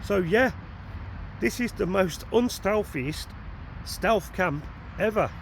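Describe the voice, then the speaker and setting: A man's voice: sits high, lively intonation, slow, a little hiss or hum. A man, chatting casually to camera at a night camp by a road, rambling with self-mocking asides. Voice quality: croaky. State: croaky throat. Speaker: camping vlogger. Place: outdoors at an urban roundabout camp at night.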